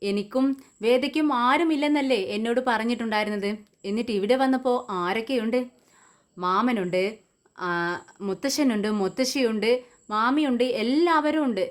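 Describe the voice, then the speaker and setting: A woman's voice: a little high, moderate pace, long pauses, lightly acted. A woman voicing a curious little girl who keeps asking her mother pointed questions, as she retells a television serial. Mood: puzzled. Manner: pestering questions.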